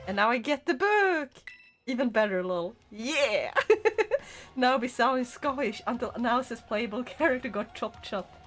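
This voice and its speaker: A young woman with a light Swedish accent chats casually with viewers and giggles while playing a game on a livestream. Her voice is high-pitched and a bit bright.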